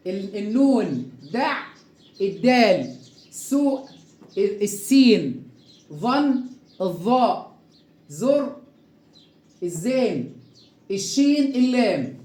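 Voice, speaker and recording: High-voiced Egyptian man teaching recitation. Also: darkish tone, roomy sound. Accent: Egyptian Arabic. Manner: asks and answers his own questions, stretches example words slowly. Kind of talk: tajweed lesson.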